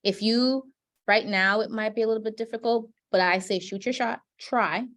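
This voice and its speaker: A woman's voice: fairly high pitch, steady tone, moderate pace, fairly bright tone. Presenter: woman from Trinidad, webinar host voice, explanatory, frequent "right?", video-call audio. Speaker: financial educator.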